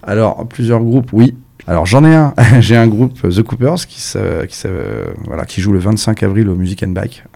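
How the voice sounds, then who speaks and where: Man from France, very low voice, dark tone, relaxed interview chat, hesitant. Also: normal speed, creaky, hardly any pauses. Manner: relaxed, hesitant with many fillers. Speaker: musician guest. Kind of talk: casual interview.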